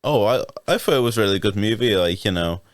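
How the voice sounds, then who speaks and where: Laid-back low-voiced man in a movie chat. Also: lively intonation, fast. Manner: laid-back, mostly short agreeing replies, laughs easily. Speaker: podcast co-host. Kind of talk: casual movie review chat.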